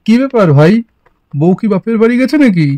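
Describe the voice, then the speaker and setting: A man's voice: high-pitched, animated, fast, mellow, dry recording. A man voicing an obliging village food-stall keeper in a doll-story cartoon, chatty and eager to serve. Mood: teasing.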